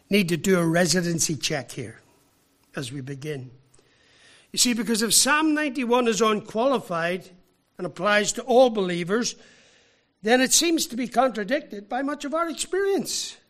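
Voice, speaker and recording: A man from Ireland, preaching a sermon with emphatic rhetorical questions and deliberate pauses. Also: high voice, expressive, fairly bright tone. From Northern Ireland.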